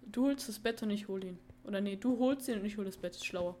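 A young woman chatting casually while gaming, making quick, slangy callouts to her teammate. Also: mid-range voice, dark tone. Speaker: gamer.

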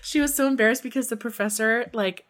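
A woman's voice: a little high, quick pace, a bit bright. A young adult woman in casual chat, telling funny stories with frequent laughter and lots of "like". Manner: giggly storyteller, lots of "like" and laughter.

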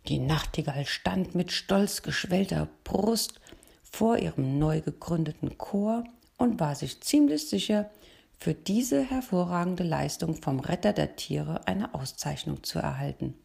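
A woman reading a children's animal story aloud in a calm, measured way. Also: fairly low pitch, creaky, husky.

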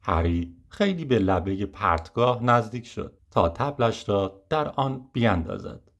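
A man's voice: lowish voice, very animated, fairly bright tone. Man reading a reflective memoir aloud. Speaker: audiobook narrator. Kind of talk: first-person audiobook narration.

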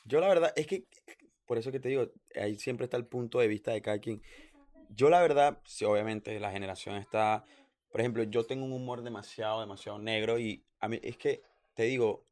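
A man's voice: medium pitch, fairly quick, a little mellow. A man co-hosting a podcast in casual chat, blunt and rambling with many restarts. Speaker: podcast co-host.

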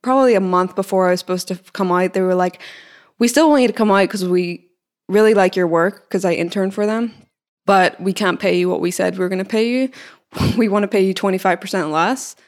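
A woman's voice: medium pitch, a little fast. Chatty Northern Irish woman telling stories. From Northern Ireland. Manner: chatty storytelling, laughs easily. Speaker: guest. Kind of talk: casual podcast interview.

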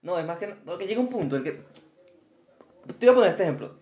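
A young man with a Venezuelan accent co-hosting a podcast in casual chat. He is slangy and quick to chime in. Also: high voice, expressive, a crowd in the background. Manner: slangy, laughs easily, chimes in. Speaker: podcast co-host. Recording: roomy echo.

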